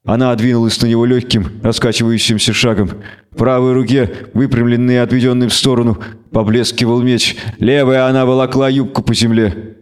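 A man reading a fantasy audiobook in a measured, dramatic narration. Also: medium pitch, clean tone.

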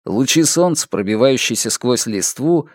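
A man narrating an audiobook in a steady, measured manner. His pitch moves in an animated way around a middle register. The recording is dry and close. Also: dry recording. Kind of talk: scripted narration.

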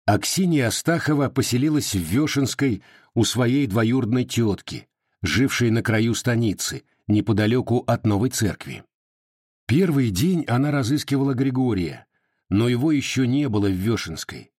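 A man reads a classic novel aloud in a measured, even manner. His voice is husky and mid-pitched, recorded dry and close. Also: dry recording. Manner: steady, measured reading. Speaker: audiobook narrator. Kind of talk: literary audiobook narration.

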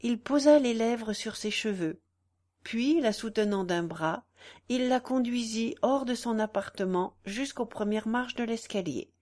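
Woman narrator, classic novel audiobook, slow and measured. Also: on the high side, darkish tone.

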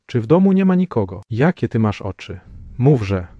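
A man's voice: fairly low pitch, normal speed, mellow, no echo, lo-fi sound, lightly acted. A man doing a frightened young pilgrim. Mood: fearful. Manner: anxious, pleading.

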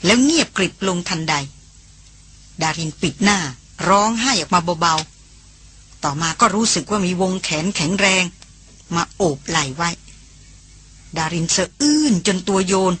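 A woman reading a novel aloud as an audiobook narrator, in slow, hushed narration. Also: lowish voice, lively intonation, slightly rough. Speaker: audiobook reader.

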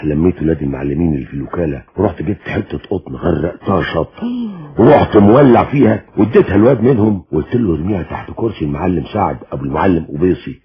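Casting: elderly Egyptian father-storyteller, very husky low voice, fond, animated, lo-fi radio drama. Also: racing. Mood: relishing the tale. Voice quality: husky, raspy. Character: old father fondly recounting his naughty childhood. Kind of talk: Arabic radio drama narration. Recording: dull lo-fi radio recording.

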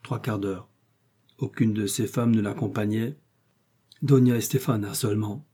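Man voicing a loyal count, brisk, confidential, husky, mellow. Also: lowish voice, fairly even intonation. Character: loyal male count, a spy reporting.

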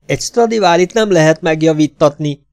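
A fussy, self-important Russian violinist, as an audiobook narrator puts him on, his voice leaping up high whenever he begs or protests. Each line comes out loud and indignant. The sound is dry and close, with no room around it. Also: clear, resonant tone, no echo, close to an everyday voice. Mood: defensive. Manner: high-pitched, pleading and indignant. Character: excitable vain middle-aged male Russian violinist.

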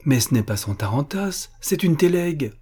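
A man reading aloud, voicing an old grey-haired maidservant who speaks eagerly in a high voice. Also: normal speed, slightly rough. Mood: eager, indignant. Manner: eager, excited calls.

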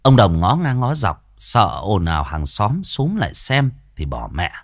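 Guy telling a story, low voice, lots of up and down, dry close mic. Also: huge pitch swings, a little slow, dry recording. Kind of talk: storytelling narration.

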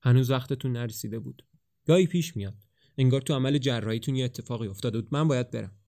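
Male narrator as a calm male doctor, businesslike, middle pitch. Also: gravelly, no room sound, clean studio sound, lightly acted.

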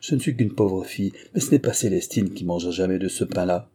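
A man's voice: deep voice, quick pace, mellow, husky. A man voicing a kind-hearted poor young woman in a storybook reading, speaking in a raised, earnest tone. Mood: indignant.

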